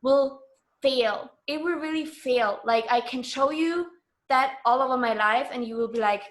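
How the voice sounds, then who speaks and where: A high-voiced woman, speaking as a language, comes across as a self-assured, informal guest in a casual interview. She explains her views emphatically and without hurry.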